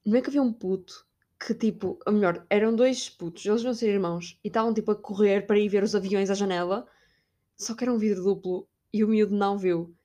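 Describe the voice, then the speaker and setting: A young woman with a European Portuguese accent, chatting casually about a trip and imitating people along the way. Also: fast. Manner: chatty, animated, imitates shouting staff in high voice. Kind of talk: casual storytelling vlog.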